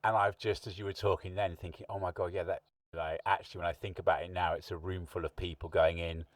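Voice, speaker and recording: A middle-aged podcast host muses thoughtfully in long, rambling sentences during a reflective interview chat. His deep voice moves little in pitch and goes fast. The mic is distant, the sound dry with no echo.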